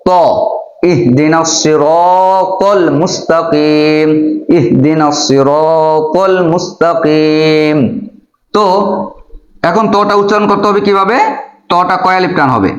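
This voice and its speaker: A man teaching a step-by-step lesson on Arabic letters, patient and repetitive, drawing out each letter sound. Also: high-pitched. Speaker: Quran teacher. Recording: echoey, dull room sound.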